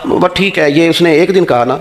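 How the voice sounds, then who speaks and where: Man preaching an earnest sermon. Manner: rising to an emphatic, preaching pitch when stressing points. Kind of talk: Islamic sermon.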